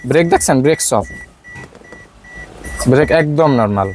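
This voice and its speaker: A man's voice: fairly high pitch, animated, moderate pace, darkish tone, a little hiss or hum. A man with a Bangladeshi accent, a car mechanic explaining a fault while he works, with many filler sounds. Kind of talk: workshop demonstration.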